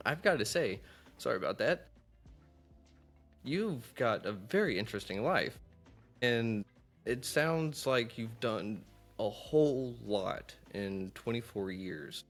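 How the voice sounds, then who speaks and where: A man's voice: mid-range voice, expressive, takes it slowly, pauses often, fairly bright tone, faint music behind. A man hosting a podcast interview, talking in a friendly, candid, conversational way. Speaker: podcast host. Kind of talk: casual interview chat.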